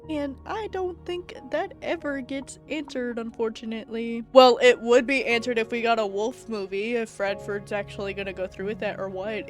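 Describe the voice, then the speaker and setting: A woman narrating a video essay as excited reaction commentary, gushing and exclaiming, with bursts of loud excitement. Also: on the high side.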